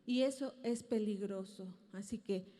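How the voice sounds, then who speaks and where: A woman's voice: mid-range voice, unhurried, dark tone. A Mexican woman pastor preaching to a congregation about parenting, earnest and emphatic, often asking the audience rhetorical questions. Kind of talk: family teaching sermon to a congregation. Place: large auditorium. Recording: long auditorium reverb.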